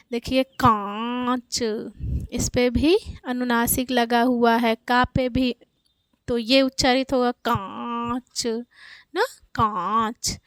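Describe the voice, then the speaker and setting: Slow, clear-voiced woman teaching Hindi. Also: a little high, dry recording, clean studio sound. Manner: drawn-out, slow enunciation of example words. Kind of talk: teaching children's Hindi lesson.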